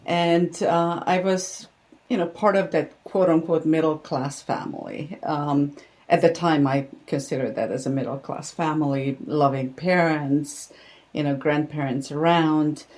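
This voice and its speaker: An older woman with a Hungarian accent, a podcast guest telling her life story in a warm, reflective way. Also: deep voice, steady tone, unhurried. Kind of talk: podcast interview.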